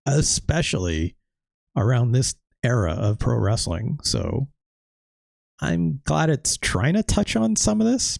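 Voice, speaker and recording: A man's voice: mid-range voice, gravelly, darkish tone, dry recording, studio quality. A man casually commenting while playing a video game, with wry, sarcastic asides. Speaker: let's play host.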